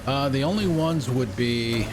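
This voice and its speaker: A man giving casual gameplay commentary, thinking aloud in an unhurried way as a streamer. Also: medium pitch, lively intonation. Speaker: game streamer. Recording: game noise behind the voice.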